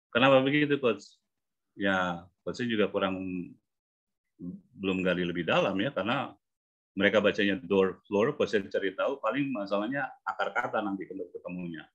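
Low-voiced man teaching pronunciation online. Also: a bit bright. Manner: explains patiently, models English words slowly. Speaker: English pronunciation coach. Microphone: video call. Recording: muffled video-call audio.

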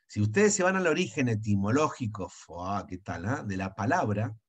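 A man with an Argentine accent teaching an online chemistry class over a video call, chatty and enthusiastic, dropping into quiet asides. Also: fairly low pitch, lively intonation, normal speed, a loud crowd. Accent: Argentine Spanish. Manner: chatty, enthusiastic, asides under his breath.

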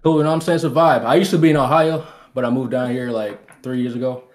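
A man's voice: medium pitch, fairly even intonation, quick pace. A man in his twenties from Jamaica, laid-back and slangy, chatting and flirting on a video date over a headset. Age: 20s. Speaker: dating contestant. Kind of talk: casual flirty chat. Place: home room.

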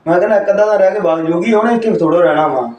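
A man's voice: high voice, racing, a little mellow, lightly acted. A man playing a reluctant, placating brother. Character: hesitant brother, easily swayed. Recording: echoey room, far mic.

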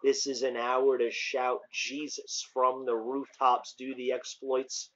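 A middle-aged American evangelist with a mid-range, slightly bright voice speaks slowly and utterly flatly while preaching informally online, reading scripture and exhorting emphatically in colloquial language. He's on a covered porch outdoors, captured by a phone or webcam at arm's length, and the audio is dull.

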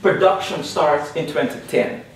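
A young man from Guyana, his voice a little high and a little slow, gives an academic presentation on a panel in a lecture room. He is emphatic, repeats his key points, and keeps checking in with "all right?" The audio is very echoey, picked up from far off with faint background noise.

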